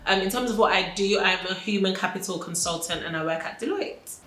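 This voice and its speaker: A woman's voice: mid-range voice, a little fast, a bit bright. A woman in her twenties answering documentary interview questions in a reflective, casual way with many fillers. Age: 20s. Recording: echoey room with faint noise.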